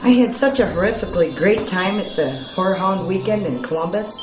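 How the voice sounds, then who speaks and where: A woman's voice: medium pitch, lively intonation, a little fast. A woman speaking as a horror host, bantering in a sassy, flirtatious way. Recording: roomy sound with music behind. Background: music.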